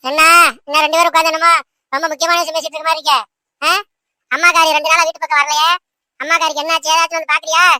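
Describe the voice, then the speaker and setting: Thangamma, a nagging scheming old granny. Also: female voice, sits high, fairly even intonation, pushed and bright, dry recording. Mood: scolding. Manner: scolding, rapid nagging. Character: scheming old grandmother, meddling and bossy.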